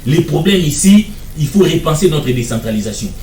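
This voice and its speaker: A man's voice: on the high side, expressive, fairly quick, mellow, echoey room, recorded from a distance, slight background noise. A man, arguing as a guest in a televised political debate, insistent and repeating his points. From Democratic Republic of the Congo.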